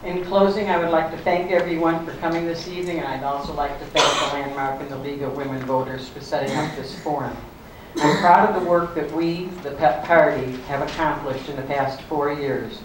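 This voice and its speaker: A woman's voice: low voice, steady tone, fairly quick. A woman running for local office reads a prepared closing statement at a public forum. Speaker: village board candidate. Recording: very echoey hall, distant mic, faint noise.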